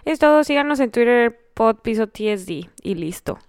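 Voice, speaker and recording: A woman's voice: fairly high pitch, animated, moderate pace, darkish tone, smooth. A woman co-hosting a podcast in casual banter, speaking mostly Spanish with English phrases mixed in. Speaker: podcast co-host.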